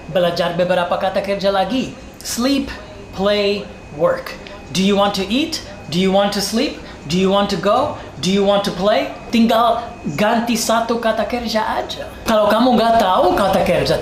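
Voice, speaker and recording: A woman with an American accent, a native English speaker speaking Indonesian as a foreigner and mixing in English, teaching in a casual, emphatic tutorial style with repeated example phrases. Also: mid-range voice. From United States. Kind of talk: casual tutorial for online video. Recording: roomy echo, faint background noise.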